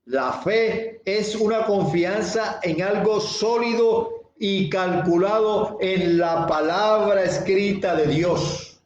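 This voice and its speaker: A male pastor preaching a sermon slowly and deliberately, repeating key phrases and speaking straight to his listeners. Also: sits high, roomy sound, lo-fi sound, slight background noise.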